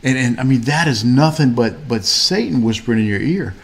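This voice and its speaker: A man's voice: medium pitch, animated, brisk. Man, faith podcast co-host, rambling, lots of fillers. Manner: rambling, many fillers and restarts. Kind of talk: casual faith-based chat.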